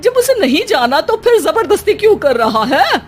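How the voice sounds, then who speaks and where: A woman's voice: very high-pitched, very animated, moderate pace, slight background noise. A woman voicing a cranky, bickering mother-in-law in a family cartoon, with a scolding, complaining manner.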